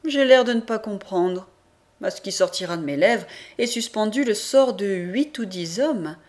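A woman reading a novel aloud as an audiobook narrator, in a measured first-person style with lively voiced quotes. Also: mid-range voice. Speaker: audiobook reader. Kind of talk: scripted narration.

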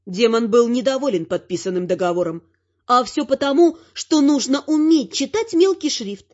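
A woman reading first-person fantasy audiobook narration with wry, expressive delivery. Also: on the high side, moderate pace. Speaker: audiobook reader. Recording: slightly dull lo-fi sound.

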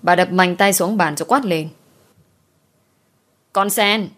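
A woman narrating a scripted story in a steady, expressive way. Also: fairly low pitch, brisk.

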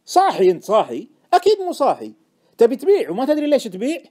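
A man's voice: sits high, huge pitch swings, rapid-fire, dark tone, slightly rough, heavily acted. A man voicing a pushy, incredulous trader friend. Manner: insistent, incredulous questioning. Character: excitable, pushy male stock-trader friend.

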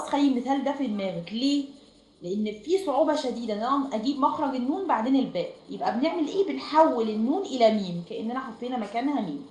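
A woman with an Egyptian accent teaching a recitation lesson over online voice chat, explaining step by step and often checking with her students. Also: a little high. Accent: Egyptian Arabic. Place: room at home. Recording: echoey room, faint noise.

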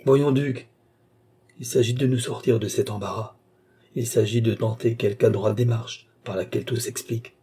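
Man doing petulant old baron, urgent and anxious, mellow husky voice. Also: medium pitch, fairly even intonation, normal speed. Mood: pressing. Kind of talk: audiobook character reading.

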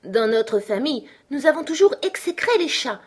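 A woman's voice: high-pitched, moderate pace, breathy edge, pitched above the performer's own voice. A woman voicing a small, furious mouse with a piercing, indignant voice. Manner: indignant, scolding. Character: furious shrill cat-hating mouse.

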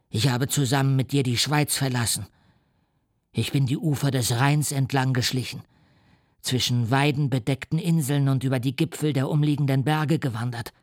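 A man voicing a huge, lonely and bitter male creature who makes slow, menacing threats in a radio play reading. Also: medium pitch, dry recording, clean studio sound, close to an everyday voice.

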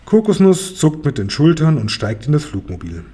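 A man reading a children's audiobook as narrator, telling the story in a lively way. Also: a little high, moderate pace, slightly rough.

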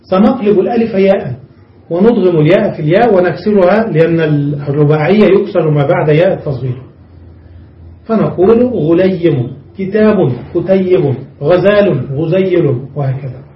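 Male teacher, high voice, slow example drills; far from the mic in an echoey room. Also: dull audio. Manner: explains step by step, reads from a text and repeats examples slowly. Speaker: Arabic grammar teacher. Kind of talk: classroom grammar lesson.

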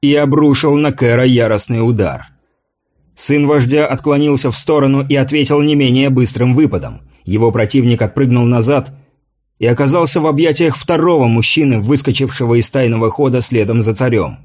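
A man reading a novel aloud as an audiobook narrator, in a measured, even manner. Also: medium pitch. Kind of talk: scripted narration.

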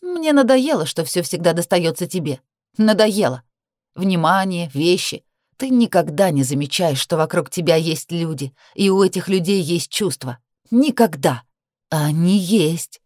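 A woman's voice: lowish voice, unhurried, few pauses, dry recording, studio quality, lightly acted. A woman doing a cold, haughty young woman. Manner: cold, clipped, contemptuous.

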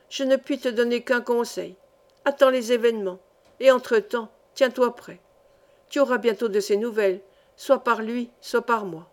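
A woman's voice: a little high, natural voice. A woman reading the part of a cheerful, enthusiastic male journalist who speaks eagerly and admiringly.

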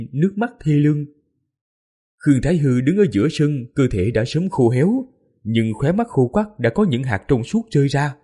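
Man, audiobook narration, dramatic, mournful, breathy, animated pitch. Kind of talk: scripted narration.

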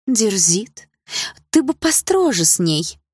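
A woman's voice: mid-range voice, big pitch swings, slow, darkish tone, husky, dry recording, clean studio sound, voice pushed up, exaggerated voice. A woman voicing a gossipy elderly woman with a sugary, nosy way of talking. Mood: scolding whisper. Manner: chirping, syrupy, nosy.

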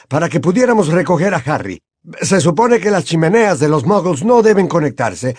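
A man voicing a kindly, excitable middle-aged wizard father who talks in an eager, flustered way. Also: a little high, no room sound, clean studio sound, voice pushed up. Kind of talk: audiobook character voice.

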